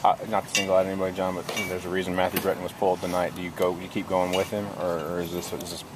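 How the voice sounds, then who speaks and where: A man, a sports reporter, puts direct, probing questions to a coach after a game. His voice sits low and flat, and he talks very fast. Loud outdoor noise surrounds him on a camcorder recording. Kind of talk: postgame press questions.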